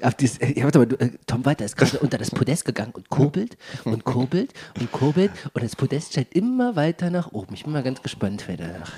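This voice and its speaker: A man's voice: medium pitch, very animated, fast, mellow, husky. A man co-hosting a casual podcast, wry and teasing, defending his lukewarm opinion with hesitant restarts. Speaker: podcast co-host.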